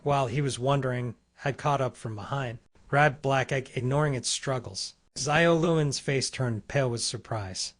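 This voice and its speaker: A man narrating a comic recap in a steady, scripted storytelling read. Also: medium pitch, normal speed, hardly any pauses.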